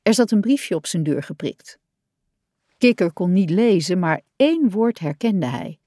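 A woman reading a children's storybook aloud in an expressive, warm way. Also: on the low side, unhurried, dry recording, studio quality. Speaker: audiobook reader.

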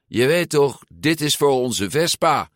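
A man's voice: medium pitch, animated, measured pace, fairly bright tone, no echo, studio quality, pitched above the performer's own voice. A man voicing a brash, self-assured young boy in a storybook reading. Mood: firm. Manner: brash, sure of himself. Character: cocky, daring young boy.

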